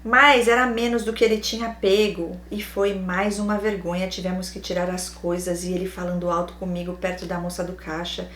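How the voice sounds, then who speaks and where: Animated Brazilian woman reading a story. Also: fairly low pitch, brisk, few pauses. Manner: animated, acts out quoted lines, adds wry comments. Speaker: host reading a listener's letter. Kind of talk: reading a personal story aloud with asides. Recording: roomy echo.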